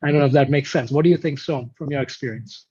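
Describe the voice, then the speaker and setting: A man's voice: mid-range voice, fast, a little mellow, slightly rough. A man from Kuwait, a guest in an interview, talking in a reflective, explanatory way over a video call. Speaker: guest musician. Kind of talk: conversational interview. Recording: dull, lo-fi call audio.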